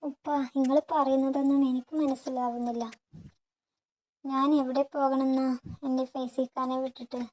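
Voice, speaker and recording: A woman voicing a gentle, patient young wife who pleads and sobs. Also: sits high, little pitch movement, normal speed. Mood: sobbing pleading. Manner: pleading and sobbing.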